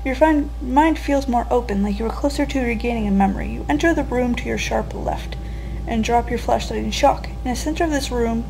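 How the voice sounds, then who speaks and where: A woman's voice: on the high side, vocal fry, a little mellow, slight background noise, rough recording. A woman reading a text adventure game aloud and playing it, with wry, joking asides.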